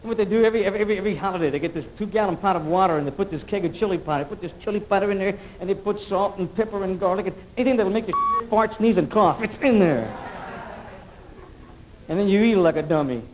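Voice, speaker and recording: A fairly high-voiced man working a stand-up set with a loose, rambling flow. He acts out little sound effects and quotes people in passing. The audio is thin and tinny, with faint tape hiss under it. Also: quick pace. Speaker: stand-up comedian. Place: comedy club stage. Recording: lo-fi VHS tape recording.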